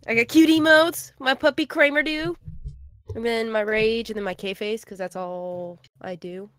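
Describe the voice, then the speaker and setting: A young woman guest on a casual podcast, silly, often trailing off quietly. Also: on the high side, steady tone, moderate pace, no room sound, clean studio sound. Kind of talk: casual chat.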